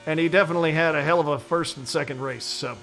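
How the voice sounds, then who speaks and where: A man calling a sim racing event as play-by-play commentator, excitable and quick to exclaim. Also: a little high, music in the background.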